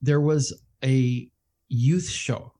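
A middle-aged man who hosts a radio show, talking as a guest in a casual interview, animated and self-deprecating, laughing often. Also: mid-range voice, drawn-out words. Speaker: radio show host and behavioral health manager, guest.

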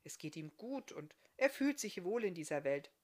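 A woman reading aloud, voicing a gentle, blind, bearded giant man in a soft, consoling way. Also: on the low side, big pitch swings, moderate pace.

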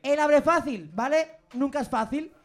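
High-voiced man joking on a live podcast. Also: moderate pace. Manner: joking, rambling asides. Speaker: podcast co-host. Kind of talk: casual live podcast banter. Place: pub.

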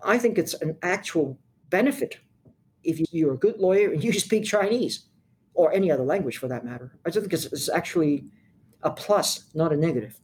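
Speaking as an experienced lawyer in an interview, this older woman from Hong Kong keeps a measured pace, stays frank and direct, and hits her main points hard. Her fairly low voice is expressive and slightly mellow, with a faint hiss or hum in the audio.

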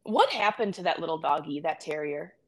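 A woman's voice: low voice, very animated, brisk, a crowd in the background, low-quality recording. Giggly rambling woman podcast host. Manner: giggly, rambling, full of fillers. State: high. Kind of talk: casual chat.

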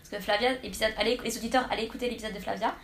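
Rapid-talking woman podcast host. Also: a little high, a loud crowd. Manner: rapid, lively, addresses listeners. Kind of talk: casual podcast interview.

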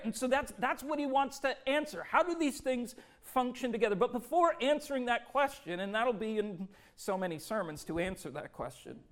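A pastor preaching an impassioned sermon, swinging from hushed, tender passages to loud, ringing declarations. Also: male voice, very high voice.

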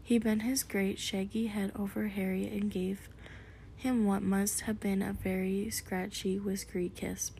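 A woman reading a storybook aloud in a soft, hushed whisper. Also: mid-range voice, little pitch movement, unhurried, creaky, a little hiss or hum.

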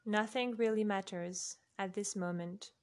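A woman narrating a guided sleep meditation in a soft, unhurried way, with long pauses between phrases. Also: medium pitch, steady tone.

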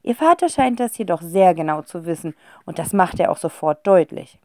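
A woman narrating a children's audiobook with a lively, expressive reading. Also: on the low side, normal speed, dry recording, clean studio sound.

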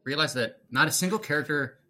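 A man who is a comedian, chatting casually on a podcast and acting out movie lines with excitement. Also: quick pace, a little hiss or hum. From Los Angeles. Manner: animated, acts out quotes in a high excited voice. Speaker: guest comedian.

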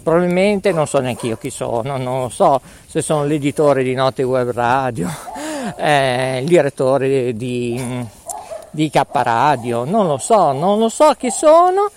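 A man's voice: medium pitch, big pitch swings, slow pace, slight background noise. A middle-aged man hosting a live mobile radio broadcast while walking outdoors through city streets, slightly out of breath. He rambles and jokes, tagging his lines with a questioning "eh?". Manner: rambling, jokey, tags lines with "eh?". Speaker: web radio host.

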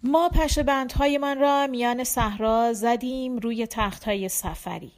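Female audiobook narrator, measured storytelling, slightly high voice. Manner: measured, slows on sung refrains. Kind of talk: scripted narration.

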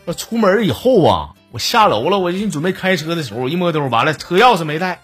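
Lively Northeastern Chinese man telling jokes. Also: a little high, fast talker, slightly rough, faint music behind. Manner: chatty, acts out voices in stories. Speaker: podcast host telling jokes. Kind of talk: casual comic storytelling.

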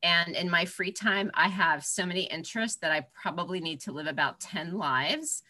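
Bright-voiced woman guest, laughing. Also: on the low side, moderate pace. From Florida, USA. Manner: lively, laughing, many fillers. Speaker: podcast guest. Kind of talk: casual interview chat.

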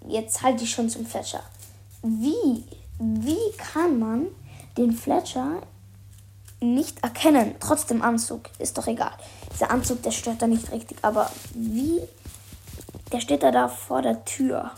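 A woman's voice: a little high, slow pace, gravelly, darkish tone. A woman reading a children's book aloud and commenting on it in a chatty, hesitant way. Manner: hesitant, many fillers, amused asides.

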